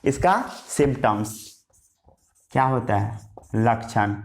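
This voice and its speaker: A male teacher with a medium-pitched, lively voice takes his time through a Hindi science lesson, with a little hiss or hum on the recording. He mixes in English terms, answers his own questions, and repeats key words as he writes them.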